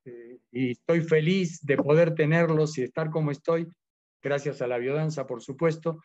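A man's voice: fairly high pitch, moderate pace, a little mellow, highs cut off. A man in his seventies, born in Argentina, speaking as an interview guest, hesitant and full of fillers. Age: 70s. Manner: hesitant, many fillers and restarts. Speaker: interview guest, Biodanza teacher. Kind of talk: casual interview.

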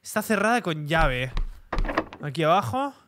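A man's voice: a little high, big pitch swings, measured pace, noisy background. A young man from commenting on a horror game, easily startled and repeating exclamations. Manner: jumpy, reacts with frightened shouts and repeated exclamations. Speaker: gaming streamer.

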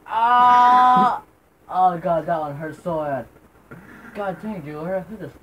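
A man's voice: fairly high pitch, normal speed, a little mellow, muffled recording. A young man chatting casually during a challenge with a pinched-nose, congested sound, groaning and swearing in pain. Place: small dim room indoors. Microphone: camera a short distance away. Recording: noisy home camera audio.

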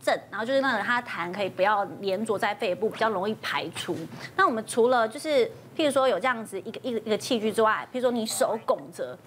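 A woman's voice: fast, few pauses, a little hiss or hum. A woman nurse on a TV talk show, telling a story from her student days and shrilly acting out a panicked mother. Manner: animated, jumps to a shrill pitch when quoting.

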